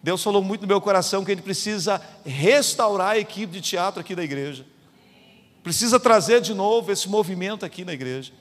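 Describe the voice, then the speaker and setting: A man's voice: high voice, fairly quick. A man preaching a sermon as pastor, with a Brazilian accent from Goiás, telling stories emphatically and building to fervent peaks. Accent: Brazilian Portuguese, Goiás. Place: church sanctuary. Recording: long church hall reverb.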